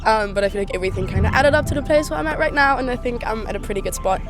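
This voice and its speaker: A woman's voice: on the high side, very fast. Easygoing young woman from Austria. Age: 20s. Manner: relaxed and easygoing, many "like" and "you know" fillers. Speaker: interviewee, traveller. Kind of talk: street interview answers. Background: clear music.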